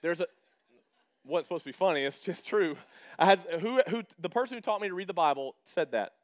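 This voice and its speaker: High-voiced man preaching to his church. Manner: lively preaching with call-outs to the congregation; slows down to stress key phrases. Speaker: pastor. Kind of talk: sermon. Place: church hall.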